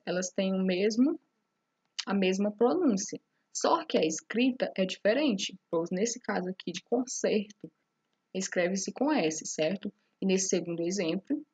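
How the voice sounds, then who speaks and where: A woman's voice: mid-range voice, a little mellow, breathy edge. A woman teacher explaining a lesson step by step, often checking in with her students. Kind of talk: recorded classroom lesson.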